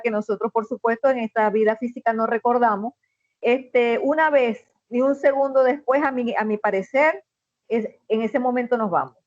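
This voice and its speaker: Mujer que cuenta historias por videollamada, sonido apagado. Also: female voice, fairly high pitch, dry recording, muffled recording. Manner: emotional storytelling, many restarts. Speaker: guest. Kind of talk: casual chat. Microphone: video call.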